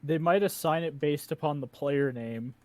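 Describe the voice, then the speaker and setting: A man's voice: a little high, normal speed, no room sound. A man chatting casually as a tabletop game player, explaining and arguing his points.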